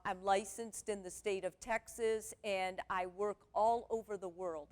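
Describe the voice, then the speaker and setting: On a church stage, a middle-aged woman with a loud, booming voice gives a chatty, candid talk as the conference's guest speaker. She's a sex therapist, and her manner is self-deprecating.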